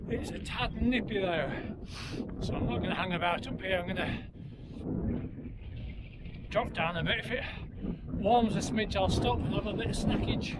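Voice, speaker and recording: A man's voice: high-pitched, moderate pace, pauses often. A middle-aged man talking casually to a handheld camera while jogging on an open mountainside, giving running commentary. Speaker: running vlogger. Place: outdoors on a windy open mountainside. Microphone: handheld camera at arm's length. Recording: loud wind and outdoor noise.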